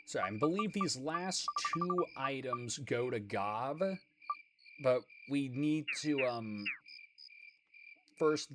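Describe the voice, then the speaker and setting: A gamer casually commenting while playing, low-key and rambling, often restarting phrases. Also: animated, slow pace, long pauses, very noisy. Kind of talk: casual let's-play commentary.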